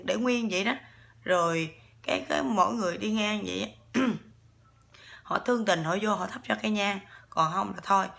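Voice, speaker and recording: A woman with a Southern Vietnamese accent tells a ghost story in a relaxed, chatty way and keeps turning to her listeners. Her voice is bright and pointed, with a gravelly fry running through it. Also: medium pitch. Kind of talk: casual ghost-story telling.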